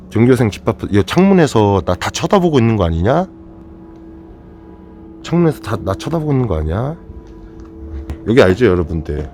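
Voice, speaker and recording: A man's voice: fairly low pitch, a little mellow. A man exploring an empty school at night with friends, talking in a jumpy, nervous way and swearing often. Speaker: vlogger exploring a closed school. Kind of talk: casual night exploration vlog.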